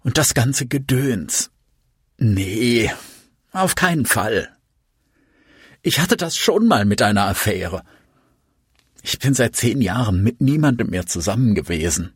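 A man's voice: sits low, lively intonation, measured pace, husky, no echo, studio quality, full character voice. A man reading an audiobook, voicing an evasive, guarded young man who speaks curtly and dismissively. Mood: firm.

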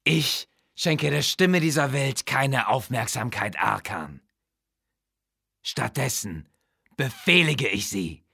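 A haughty undead priest-king, voiced by a male narrator speaks in a slow, commanding, hissing tone. His gravelly words are dry and close, with no room around them. He sounds like a storybook tyrant who demands obedience. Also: mid-range voice, animated, sharp tone, dry recording, voice pushed up, full character voice. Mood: cold, commanding.

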